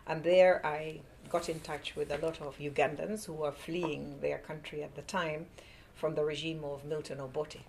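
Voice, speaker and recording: A woman's voice: low-pitched, level tone, moderate pace, creaky, darkish tone, a little hiss or hum, poor audio. A woman from the Netherlands serving as an ambassador, answering interview questions with many hesitant fillers.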